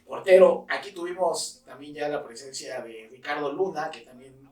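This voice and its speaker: A man's voice: on the high side, moderate pace, dark tone, roomy sound, distant mic, poor audio. A man from Mexico hosting an interview, asking friendly conversational questions. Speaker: host, interviewer. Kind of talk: casual interview.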